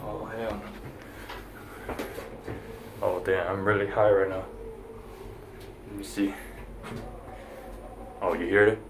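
Nervous man, low voice, swearing phone vlog in a cable car, wind and machine noise. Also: flat delivery, unhurried, long pauses, reverberant. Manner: nervous, swearing, talking himself through fear of heights; drops to a hushed whisper at times. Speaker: vlogger. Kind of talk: casual vlog commentary. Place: outdoors in a gondola cable car high over mountains. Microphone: handheld phone. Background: wind whistling and cable car hum.

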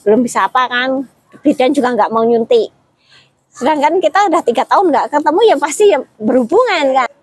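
Husky woman telling her story. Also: sits high, a little mellow, rough recording. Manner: tells her story with quoted dialogue, many restarts. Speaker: interview guest. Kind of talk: casual chat.

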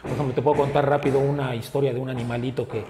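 A man with a Mexican Spanish accent, an animal rescuer, talking earnestly in an interview and often pausing on filler words. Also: mid-range voice, level tone, a crowd in the background. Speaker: animal rescue group founder. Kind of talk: casual interview talk. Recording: roomy echo with faint ambience.

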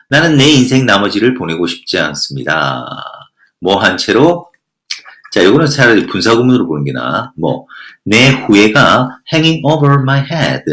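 A man teaching a textbook lesson, reading English lines slowly and then explaining them at length, often asking questions and answering them himself. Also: on the low side, fairly bright tone, reverberant. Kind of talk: lecture reading and translating a textbook passage.

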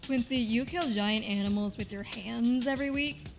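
A woman's voice: on the high side, normal speed, gravelly, over music. A woman playing a brash, sarcastic young detective in a comedic short film. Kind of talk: comedic student film acting.

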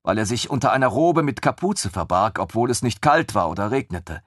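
A man voicing a calm young woman mage in a fantasy audiobook, explaining things patiently with quiet amusement. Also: on the low side, brisk, dry recording, clean studio sound. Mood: amused. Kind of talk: audiobook character voice.

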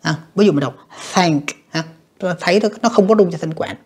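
This English teacher, a fast talker with a mid-range, slightly rough voice, reviews exam questions for students. Reading every English option aloud, the teacher translates and assesses it, often speaking to "các bạn".

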